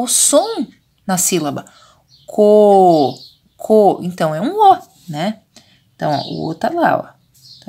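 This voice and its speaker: Brazilian teacher sounding out syllables. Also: female voice, mid-range voice, a little mellow, slightly rough. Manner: patient, drawn-out sounding of syllables and vowels; frequent checking fillers. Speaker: preschool teacher. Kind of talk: remote lesson for young children.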